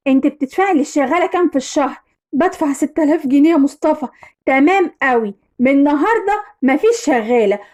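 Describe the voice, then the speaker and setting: A woman with an Egyptian accent voicing a hot-tempered middle-aged father who scolds his family. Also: high-pitched. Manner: scolding, shouting in anger.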